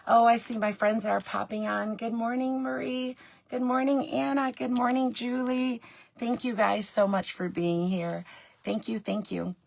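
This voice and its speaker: A slightly high, steady voice with a touch of rasp and scratchiness belongs to a middle-aged woman hosting a live craft tutorial from her home craft room. She speaks at a measured pace, chatting and greeting viewers by name.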